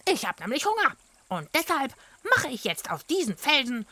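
A woman voicing a greedy, boastful male dwarf who croaks and brags, in a children's audio story. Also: sits high, very animated, normal speed, pushed and bright, no echo, voice pushed up, exaggerated voice. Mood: scheming. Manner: croaking, bragging.

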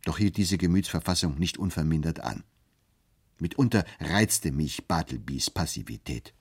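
Deep husky man narrating a story. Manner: measured, expressive first-person telling. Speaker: audiobook narrator. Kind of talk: scripted literary narration.

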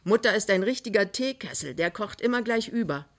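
A woman voicing a cheerful young working-class woman who talks in a bright, teasing way, in a dramatic novel reading. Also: fairly low pitch, normal speed, slightly rough.

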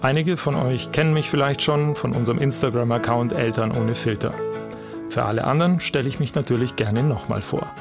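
A man's voice: mid-range voice, fairly quick, over music. A man hosting a podcast, telling a personal story in scripted narration. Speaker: podcast host.

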